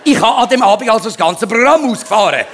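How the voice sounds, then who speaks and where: A man's voice: high voice, animated, fast, fairly bright tone. A man with a Swiss German accent doing a stand-up comedy monologue, a comic storyteller who talks about himself in the third person.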